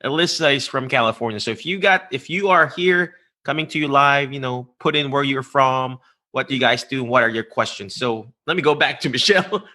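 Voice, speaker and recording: A man's voice: medium pitch, fairly quick, pushed and bright. A man from the Philippines with a Filipino accent, hosting a live-stream interview and asking emphatic rhetorical questions. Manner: repeats words, speaks with emphatic rhetorical questions. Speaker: host.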